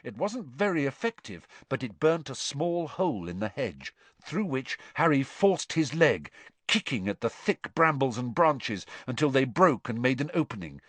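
A man's voice: medium pitch, big pitch swings, moderate pace, no room sound. A man reading a story aloud as narrator, with dramatic, tense storytelling. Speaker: audiobook narrator. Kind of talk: scripted narration.

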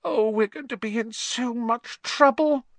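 A man's voice: very high voice, a little slow, a bit bright, no echo, pitched above the performer's own voice, exaggerated voice. A man voicing a frightened schoolgirl who whimpers in panic. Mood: panicked.

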